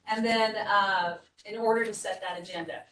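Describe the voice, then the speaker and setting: A woman's voice: mid-range voice, fairly even intonation, normal speed, noisy background. A woman city staff presenter giving a board training, talking conversationally and explaining with frequent restarts. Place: meeting room. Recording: echoey meeting room, distant mic.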